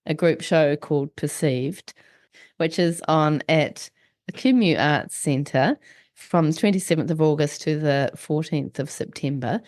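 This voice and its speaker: A congested woman with a New Zealand accent and a croaky, wheezy, blocked-up voice, hosting a podcast. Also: low voice, measured pace, a little mellow. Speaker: podcast host. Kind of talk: podcast introduction and interview chat.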